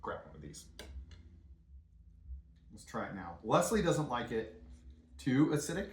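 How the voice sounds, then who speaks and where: A man hosting a home cooking video, talking through his steps in a relaxed, rambling way with many ums and uhs in his home kitchen. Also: mid-range voice, measured pace, reverberant. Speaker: home cooking channel host. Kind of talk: casual cooking demonstration.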